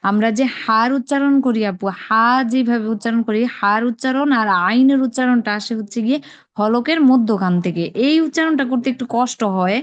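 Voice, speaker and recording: A woman's voice: on the high side, brisk. A woman teaching Arabic letter sounds in an online class, patiently repeating drills and encouraging her students. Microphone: online call microphone. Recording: dull lo-fi online call audio.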